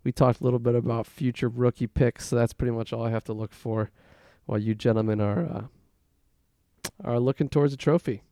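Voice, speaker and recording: A man with a relaxed, gravelly voice hosts casual banter, close and dry in sound. He speaks hesitantly, with a wry, teasing edge as he puts questions to his guests. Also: mid-range voice, a little fast, no echo. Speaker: host of a fantasy football league podcast.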